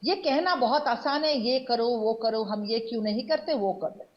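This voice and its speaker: A woman's voice: fairly high pitch, moderate pace, highs cut off. A woman speaking as a political panelist in a heated TV debate, indignant and emphatic, repeating words as she argues.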